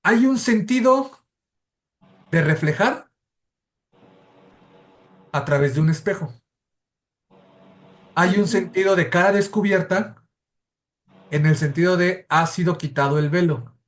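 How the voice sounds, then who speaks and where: Teaching a Bible study class at church, a man with a Mexican Spanish accent speaks in a high voice. He works through the material methodically, step by step, frequently stopping to correct himself.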